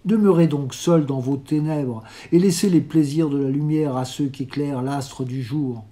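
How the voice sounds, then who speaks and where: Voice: mid-range voice, unhurried, mellow, close to an everyday voice. A reader voicing a proud, scornful young son.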